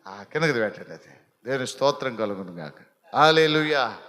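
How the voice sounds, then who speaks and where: A man's voice: mid-range voice, lively intonation, fairly quick, pushed and bright, big-room sound. A male pastor preaching a sermon to a live congregation, teasing and repeating phrases as he builds intensity. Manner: preaching with rising intensity and repetition; teasing the congregation about sleeping. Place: church hall with live congregation.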